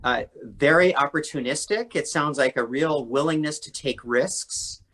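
A man's voice: fairly high pitch, unhurried, a bit bright. A man hosting an interview, summarizing a guest's points with appreciative, hesitant phrasing. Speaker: interview host.

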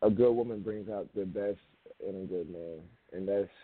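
A young man with a raspy voice, a guest musician in a casual interview, laid-back, often restarting his words. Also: sits low, moderate pace. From United States. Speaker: guest hip-hop artist. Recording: tinny phone line.

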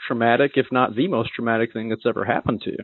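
A man's voice: medium pitch, fairly even intonation, fast talker, no echo. Reflective male interview host on a phone-like line. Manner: reflective and affirming, with restarts. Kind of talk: conversational interview. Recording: dry, phone-like audio.

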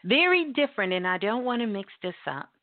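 A woman's voice: mid-range voice, very animated, a little fast. Emphatic woman host on a tinny line. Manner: emphatic and blunt, with casual swearing. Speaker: radio host. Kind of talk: casual talk-radio monologue. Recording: tinny phone-line sound.

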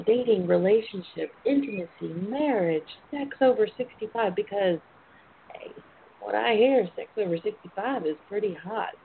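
An American woman hosting a casual phone-in talk show in a sassy, playful, chatty way. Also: mid-range voice. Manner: sassy, playful, uses endearments like darling and honey. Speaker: talk show host and intimacy coach. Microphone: telephone. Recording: tinny phone line with clear noise.

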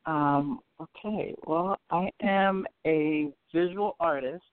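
Guest artist from Haiti, halting delivery, tinny phone line, dry. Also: male voice, on the high side, clear, resonant tone, no echo. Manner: hesitant, many ums and repeated words. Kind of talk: casual interview answers.

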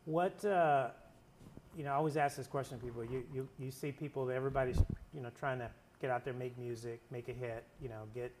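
A man's voice: medium pitch, fairly even intonation, a little fast, noisy background. Male host with rambling questions. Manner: rambling questions, constant short affirmations. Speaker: interview host. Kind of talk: casual interview talk.

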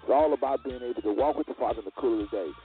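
A man's voice: medium pitch, racing, phone-quality sound, faint music behind. A man hosting a faith network show, talking in a fervent, emphatic preaching cadence. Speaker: network host. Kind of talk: preaching radio talk.

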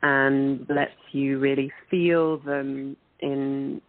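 A woman's voice: extremely low pitch, flat delivery, drawn-out words, dry recording. A woman, an actress guest talking earnestly and reflectively in an interview. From England. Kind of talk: interview over a call. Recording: tinny phone-like line.

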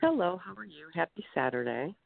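A caller to a radio show, heard over a phone line, speaking hesitantly and haltingly. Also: mid-range voice, sing-song, gravelly, dry recording.

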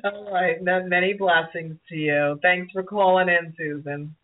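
Brooklyn accent lady, lowish voice, call-in spiritual host, encouraging n rambly, sounds like shes on a phone. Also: steady tone, a little slow, narrow, tinny audio. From Brooklyn, New York. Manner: encouraging, rambling, repeats phrases. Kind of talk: casual spiritual advice talk.

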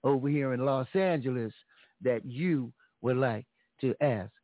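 A man's voice: medium pitch, measured pace, no echo. A male radio host taking calls in a casual, chatty way, fumbling a little as he puts callers on the air. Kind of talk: call-in radio hosting. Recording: dry, tinny phone-like sound.

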